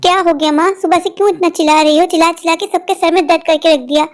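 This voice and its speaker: A young daughter-in-law, voiced by a woman in an animated family story. She pushes back at her mother-in-law in a high, complaining voice. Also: fast talker. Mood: defiant. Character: young daughter-in-law Raveena, defiant, tired. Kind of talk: cartoon voice acting.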